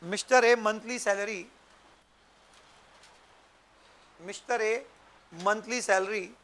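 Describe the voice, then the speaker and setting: A male teacher dictating to students slowly, in short phrases that he repeats. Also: sits high, pushed and bright. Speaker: accountancy and tax teacher.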